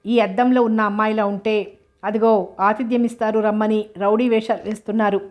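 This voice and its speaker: Woman reading a quick-witted young woman. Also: medium pitch, flat delivery, a little mellow, lightly acted. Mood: mock serious.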